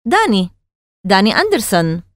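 A woman voicing a shy twelve-year-old boy next door who talks quickly, apologetic and a little wary, in a storybook. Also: mid-range voice, wildly swooping pitch, fairly bright tone, no room sound, studio quality.

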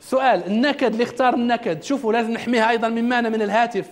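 Male trainer, high voice and brisk delivery, quizzing his class. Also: steady tone. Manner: asks the audience questions; religious quotations in the talk. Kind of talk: self-development lecture to a class.

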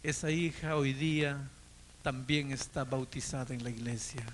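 A man preaching an evangelistic sermon, telling a story dramatically and moving from hushed lines to loud, emphatic peaks. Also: medium pitch, fairly even intonation, moderate pace, a little hiss or hum, low-quality recording.

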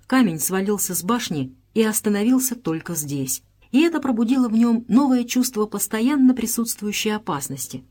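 A woman narrating an audiobook in a measured, even storytelling delivery. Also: mid-range voice. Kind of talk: scripted narration.

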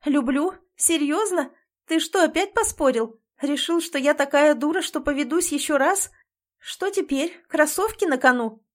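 A woman voicing a furious young woman who shouts through tears and stammers. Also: moderate pace, natural voice. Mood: furious, tearful. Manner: shrill, stammering. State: crying, screaming.

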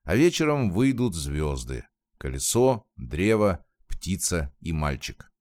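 A man narrating a novel as an audiobook in a calm, measured, expressive reading on a close mic. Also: low-pitched, dry recording.

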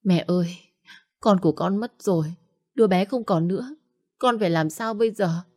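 A woman's voice: on the low side, moderate pace, mellow, natural voice. A woman voicing a scheming young woman who fakes a miscarriage, pleading in a raised, whiny voice.

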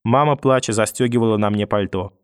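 A man narrating an audiobook in a calm, measured storytelling manner. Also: fairly low pitch, smooth, dry recording, studio quality. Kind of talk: scripted narration.

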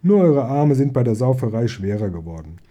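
Grumpy old elf cellarman, read by a man, gruff and grumbling, storybook reading. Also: mid-range voice, sing-song, brisk, dark tone, muffled recording, natural voice.

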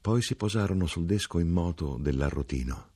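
A man reading a novel aloud as the narrator, in a measured, expressive storytelling manner. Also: low voice, slightly rough.

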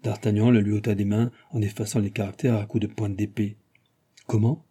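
A man reading a novel aloud as scripted narration, lively and raising his voice for shouted lines. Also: lowish voice, quick pace, slightly rough. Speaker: audiobook reader.

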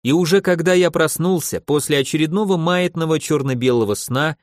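A man's voice: on the high side, a little fast, no echo, clean studio sound. A man reading a novel aloud as an audiobook narrator, with a wry, storytelling manner.

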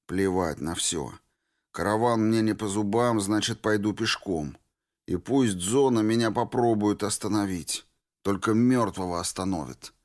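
A low-voiced, worn-out deserter speaks in short, grim phrases, as a reader plays him. He sounds tired and flat. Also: a little slow, close to an everyday voice. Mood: weary. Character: weary, grim male deserter from the zone.

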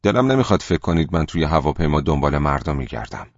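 A man's voice: extremely low pitch, big pitch swings, dry recording, lo-fi sound, heavily acted. A male narrator voicing a chatty woman passenger on a plane who keeps talking without getting a reply. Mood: chatty insistent. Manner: insistent, talks on without a reply.

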